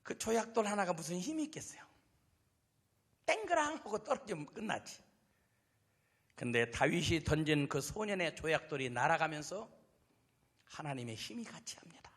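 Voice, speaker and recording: A man pastor preaches a dramatic revival sermon, dropping to murmurs and rising to shouts. His voice sits high and bright, with wide swings in pitch. It echoes through a large hall with long reverb. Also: big pitch swings, normal speed, pauses often. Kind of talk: revival sermon with acted story.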